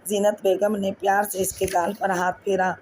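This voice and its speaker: A woman narrating a romance novel in an audiobook reading. Her voice stays flat and even in pitch, with faint background noise behind.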